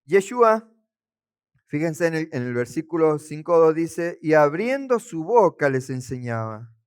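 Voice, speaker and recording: A male pastor preaching a sermon, teaching verse by verse and asking his listeners questions, slowing down to stress key words. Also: a little high, sing-song, clean tone, dry recording, studio quality. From Argentina.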